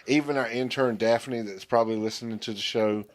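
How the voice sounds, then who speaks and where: A man's voice: mid-range voice, fairly even intonation, fairly quick. A man chatting loosely on a podcast. He rambles and restarts his sentences, tripping over his words as he goes. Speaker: podcast co-host. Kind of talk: casual chat.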